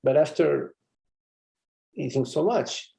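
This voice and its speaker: A man's voice: fairly high pitch, expressive, takes it slowly, gravelly, dark tone. A man, a spiritual teacher, giving a meditative live satsang talk in a meandering, conversational way with frequent chuckles and asides.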